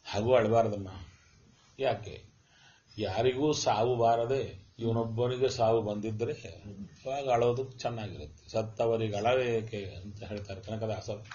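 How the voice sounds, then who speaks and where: A man's voice: fairly low pitch, fairly even intonation, unhurried, dark tone. Middle-aged guy giving a religious talk, tells a story and answers his own questions, sounds kinda muffled. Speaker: religious discourse speaker. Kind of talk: Kannada spiritual discourse with Sanskrit verses. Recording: dull lo-fi recording.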